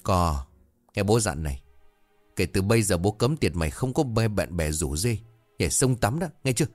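A stern village father who lays down the law bluntly and protectively, voiced by a man. His voice is low and close, over faint music. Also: expressive, normal speed, a little mellow, no room sound. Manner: firm, scolding.

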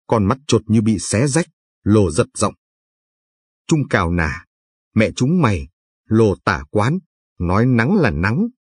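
A male audiobook narrator reading a novel in measured, vivid storytelling. His voice is low and husky. The recording is dry and close. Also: a little mellow, no room sound.

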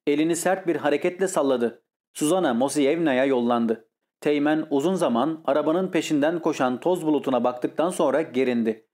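A man narrating a classic short story as an audiobook in a steady storytelling delivery. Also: fairly high pitch, brisk. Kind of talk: scripted literary narration.

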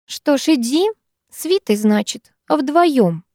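Nosy jealous schoolgirl, a woman reading her, kinda high, warm mellow voice. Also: sing-song, normal speed, no echo, studio quality. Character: fussy jealous teenage schoolgirl friend.

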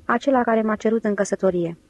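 In an audiobook character reading, a woman with a medium-pitched, lightly acted voice plays a sweet, teasing young woman, raising her voice for the role.

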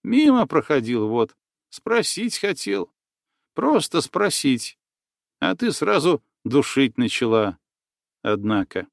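A man reading the lines of a good-natured young forest hunter, gentle in manner and often tacking "да" onto his phrases. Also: mid-range voice, big pitch swings, slow, creaky, no echo, clean studio sound, full character voice. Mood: earnest.

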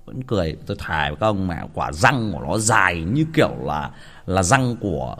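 A man's voice: deep voice, very animated, a little fast, fairly bright tone. A man telling a story in a casual, chatty first-person way, stumbling over and repeating words as he talks straight to his listeners. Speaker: storyteller host.

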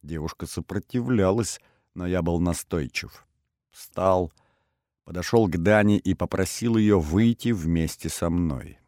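Deep male narrator, expressive first-person read, dry close sound. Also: a little slow, no room sound. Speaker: audiobook narrator.

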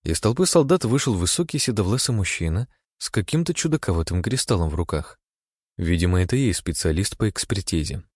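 A man narrating a first-person story in a steady, calm way, close to the mic. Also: sits low, fairly quick, breathy edge, dry recording. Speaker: audiobook narrator.

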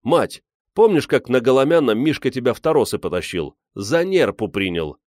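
A man's voice: mid-range voice, expressive, moderate pace, darkish tone, no echo, studio quality, pitched above the performer's own voice, lightly acted. A man playing a sly old polar explorer with a teasing manner who spins tall tales. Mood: joking.

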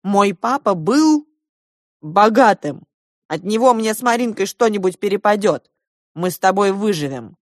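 A woman's voice: mid-range voice, animated, unhurried, no echo, clean studio sound, lightly acted. A woman voicing a stubborn, earnest young boy who speaks in firm declarations. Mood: insistent.

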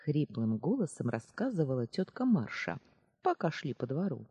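Expressive, husky audiobook narrator. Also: medium pitch, normal speed, highs cut off. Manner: expressive storytelling. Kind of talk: first-person audiobook narration.

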